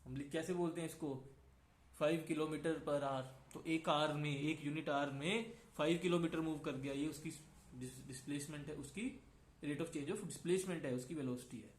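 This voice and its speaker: A man with a fairly high voice teaches a physics class and moves through each idea step by step. He keeps checking that his students are following him. The recording has a roomy echo. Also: steady tone, normal speed, slight background noise. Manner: explains step by step, often checks in with "है ना". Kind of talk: classroom lecture mixing Hindi and English.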